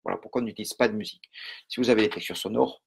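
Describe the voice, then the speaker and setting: Un homme avec un accent français donne un cours en direct sur le mentalisme, d'un ton calme et posé, avec beaucoup de pauses et d'hésitations. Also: male voice, lowish voice, gravelly, slightly rough. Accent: French. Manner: calm, measured, with many pauses and fillers. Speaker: mentalism teacher. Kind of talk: live online lesson.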